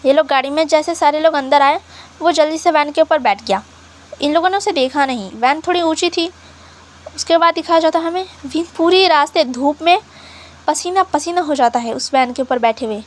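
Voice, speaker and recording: Casual storyteller: a woman with a very high voice, chatty fan-story narration. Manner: chatty retelling with English words mixed in.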